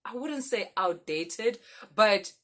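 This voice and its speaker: A woman's voice: mid-range voice, lively intonation, slow pace, sharp tone. A woman giving a casual, intimate spiritual oracle reading like a fortune teller, talking familiarly and emphatically to viewers with rhetorical questions and frequent check-ins.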